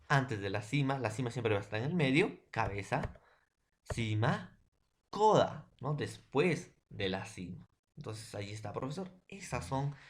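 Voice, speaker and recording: A man from Peru teaching a secondary school language class, explaining patiently and repeating his points, with frequent tag questions and fillers. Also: mid-range voice. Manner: repetitive, fills every phrase with tag questions and addresses. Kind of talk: recorded online class lecture.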